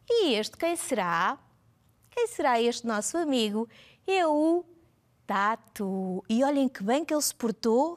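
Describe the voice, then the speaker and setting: A woman teacher with a European Portuguese accent, talking high and bright with big swoops up and down. She speaks slowly and deliberately, stretching out syllables for small children in a lively, sing-song way. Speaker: primary school teacher. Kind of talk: televised lesson for young children.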